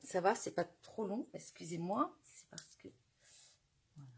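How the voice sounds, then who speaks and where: A woman hosting a live crafting demonstration, chatting to viewers and often dropping to soft murmurs as she works. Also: fairly low pitch, very animated, a little slow, husky. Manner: chatty, addresses viewers directly.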